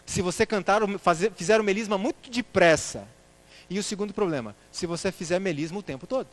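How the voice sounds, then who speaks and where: High-voiced man preaching. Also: fairly quick. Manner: asks the audience rhetorical questions, calls them brothers. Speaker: church speaker. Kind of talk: church lecture on music.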